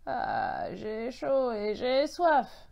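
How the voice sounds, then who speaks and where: A huge talking baobab tree from a storybook, male and gentle, with a hoarse voice, as a woman reading the tale puts him on. He drags out every word very slowly in a soft, dark tone. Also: on the high side, wildly swooping pitch, voice pushed up, full character voice. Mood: plaintive. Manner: slow and plaintive.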